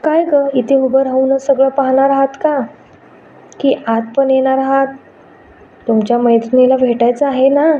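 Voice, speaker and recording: A woman voicing a kind, affectionate middle-aged mother-in-law who speaks gently and reassuringly. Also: high voice, flat delivery, moderate pace, close to an everyday voice. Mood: fond. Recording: dull lo-fi with faint noise.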